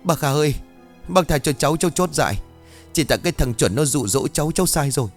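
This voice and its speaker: A man's voice: mid-range voice, animated, moderate pace, faint music behind, lightly acted. A man voicing a frightened young village man who sobs and stammers as he begs not to be arrested. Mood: pleading. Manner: pleading, sobbing, stammering.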